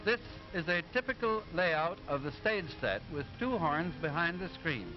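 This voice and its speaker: A man playing an instructive professor in an early talkie cartoon, explaining things in a deliberate, didactic manner. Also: a little high, animated, close to an everyday voice. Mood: patient, instructive. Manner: deliberate, didactic, clearly enunciated. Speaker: narrator explaining sound film. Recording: dull 1920s optical film soundtrack, music behind.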